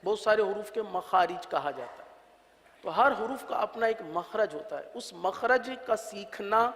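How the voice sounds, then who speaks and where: Pakistani Urdu male teacher, patient, drills each letter sound slowly, highish voice, long reverb tail. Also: fairly bright tone. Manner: patient, repeats sounds drawn out for students. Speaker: Quran reading teacher. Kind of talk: religious letter-pronunciation lesson.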